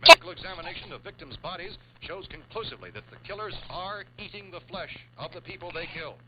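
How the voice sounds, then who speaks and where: A man's voice: sits high, lively intonation, quick pace. A man playing a radio news announcer in an old horror film, reading bulletins in a grave, formal way. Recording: dull old film soundtrack with noise.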